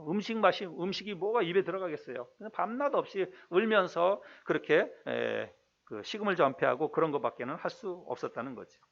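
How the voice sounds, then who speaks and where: A male pastor preaching a sermon in a conversational way, asking the congregation questions and reading scripture slowly. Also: high voice, bright, forceful tone, highs cut off. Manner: reads scripture slowly and deliberately.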